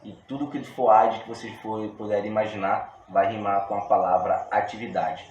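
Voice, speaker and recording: A man with a Brazilian Portuguese accent teaching a poetry workshop lesson in a relaxed, slangy way, explaining step by step with frequent restarts. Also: lowish voice, moderate pace, muffled recording. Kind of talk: casual video lesson. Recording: roomy echo with faint room noise.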